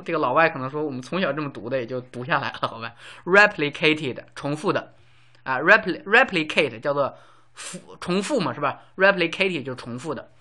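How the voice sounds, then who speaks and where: A man's voice: fairly high pitch, sharp tone. A man teaching a casual lesson, explaining words with everyday examples and lots of fillers.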